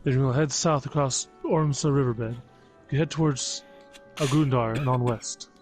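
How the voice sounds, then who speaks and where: A man's voice: mid-range voice, fairly even intonation, unhurried, faint music behind. A young man chatting casually with a friend while playing a story game, reasoning out choices. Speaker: co-player. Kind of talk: casual chat during a game.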